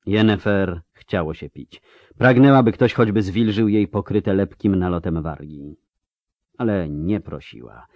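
A man's voice: sits low, a little slow, no room sound, highs cut off. A man narrating a fantasy audiobook with a dramatic, varied delivery.

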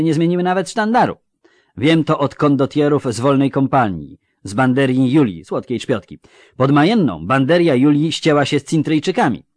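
A male audiobook narrator voicing a loud, commanding, coarse male dwarf officer in a storybook reading. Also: medium pitch, no echo, clean studio sound, voice pushed up.

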